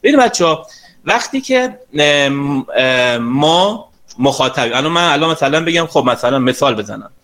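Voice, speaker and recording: A man with a slightly high voice runs an online class as a sales trainer. He speaks straight to his students in a chatty, coaxing way and teases them now and then. He is heard over a video call. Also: lively intonation, fairly bright tone.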